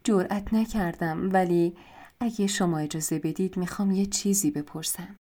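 A woman's voice: on the low side, steady tone, warm tone, close to an everyday voice. A woman reading the lines of a meek, polite young girl in an audiobook of a fairy tale, speaking in a hesitant way. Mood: timid.

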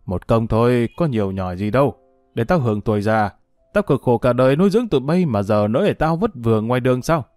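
A man's voice: mid-range voice, expressive, fast, darkish tone, no room sound, faint music behind, close to an everyday voice. A man voicing an angry, self-pitying older father, scolding and cursing. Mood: pleading.

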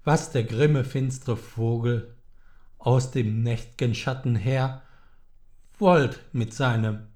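A middle-aged man giving a dramatic poetry recitation, solemn and brooding, rising into loud impassioned pleading. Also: mid-range voice, steady tone, takes it slowly. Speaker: poetry reader.

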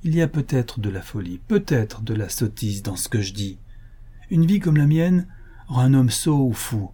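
A man voicing a sick, bitter, hard-drinking rich old builder in a gruff, raised voice that bursts out loudly. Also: medium pitch, big pitch swings, moderate pace.

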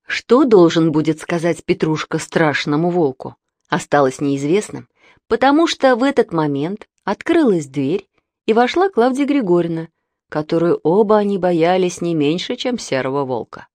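A woman narrating a children's audiobook in an expressive storytelling manner. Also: on the low side, normal speed, dry recording.

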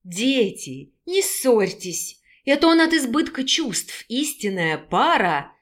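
A woman's voice: fairly high pitch, very animated, slow, heavily acted. Storybook mother: older, fretful, soothing and doting , voiced by a woman. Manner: pleading, coaxing.

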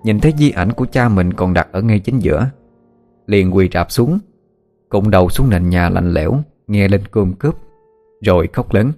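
A man narrating a story audiobook in a steady, measured storytelling manner. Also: low-pitched. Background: soft background music.

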